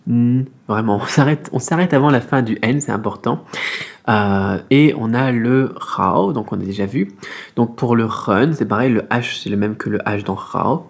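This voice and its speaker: A man with a slightly husky, breathy voice and an ordinary middle pitch teaches a casual beginner Mandarin lesson. He explains in a friendly, unhurried way, sounding out syllables slowly and filling pauses as he goes.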